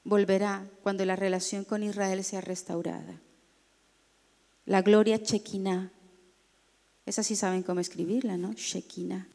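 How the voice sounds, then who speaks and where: A woman pastor, teaching a Bible class in a deliberate, emphatic way, pausing often and spelling out names. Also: mid-range voice, level tone, mellow. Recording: long hall reverb.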